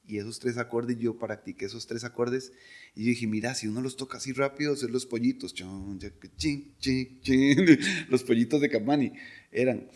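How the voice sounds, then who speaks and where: A middle-aged man with a Costa Rican accent, a podcast guest telling stories in a relaxed, rambling way with frequent chuckles. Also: mid-range voice, moderate pace. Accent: Costa Rican Spanish. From Costa Rica. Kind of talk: casual conversational storytelling.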